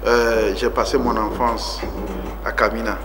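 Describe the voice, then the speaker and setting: A man's voice: on the low side, level tone, a little slow, music in the background. A man in his forties from Togo, a politician being interviewed on TV about his life, speaking earnestly with many fillers and rising emphasis. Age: 40s. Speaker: guest politician.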